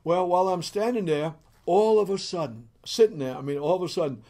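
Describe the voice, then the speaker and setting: A middle-aged man, a bishop, telling his testimony in an animated, boisterous storytelling manner. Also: sits high, fairly quick, slight background noise.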